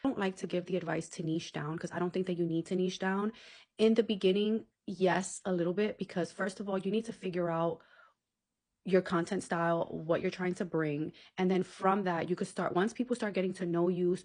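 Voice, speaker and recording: Fast-talking, blunt woman creator. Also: fairly low pitch, a little mellow. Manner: chatty, blunt, casual swearing, frequent "like" and "okay?". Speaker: beauty content creator. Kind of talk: casual advice talk to camera.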